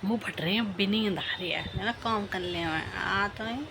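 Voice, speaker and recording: A woman's voice: moderate pace, gravelly, noisy background. A woman, chatting casually to viewers in a family vlog and cooing at her baby. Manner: chatty, talks to viewers and coos at her baby in a high sing-song. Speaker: family vlogger. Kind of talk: casual home vlog talk. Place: home kitchen and living room.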